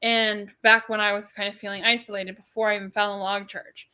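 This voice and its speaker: A woman's voice: medium pitch, level tone, a little fast, bright, forceful tone, clean tone. A middle-aged woman from California, co-hosting a casual faith podcast and telling a long personal story with many fillers and restarts. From Southern California. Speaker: podcast co-host.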